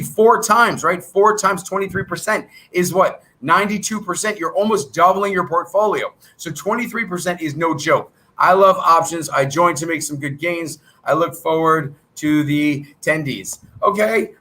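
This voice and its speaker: The poorly recorded voice belongs to a middle-aged man coaching a live trading chat, high, bright and edgy but wearing thin as if giving out. He fires off numbers in quick, salesy patter, thinking out loud along the way.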